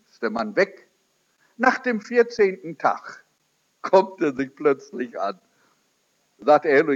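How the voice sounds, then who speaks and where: A man preaching a sermon, telling a testimony as a story and quoting the people in it. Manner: storytelling, quoting in lowered voice, rising emphatic peaks. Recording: dull lo-fi recording.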